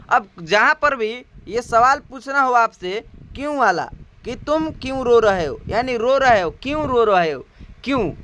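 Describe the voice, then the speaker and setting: In a spoken language lesson, a Hindi-accented man teaches English to Hindi speakers, spelling words out, repeating them and quizzing his viewers. His very high voice is bright, forceful, clear and resonant.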